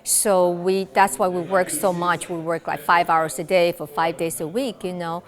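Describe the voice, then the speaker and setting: A woman's voice: fairly low pitch, steady tone, normal speed. A middle-aged woman from Taiwan, a choreographer and dancer, answering interview questions thoughtfully with many fillers and restarts. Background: music.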